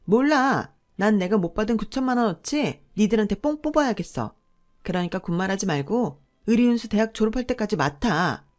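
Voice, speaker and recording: Voicing the same kind of rude, money-grabbing, domineering sister-in-law in a radio drama, the actress shouts and makes angry demands. Her mid-range voice is expressive and fairly quick, close to how someone speaks in everyday life.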